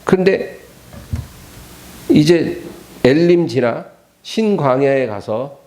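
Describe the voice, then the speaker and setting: A male pastor giving a weekday sermon in an animated way, with a gravelly voice. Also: a little high, slow. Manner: animated, acts out the scripture quotes.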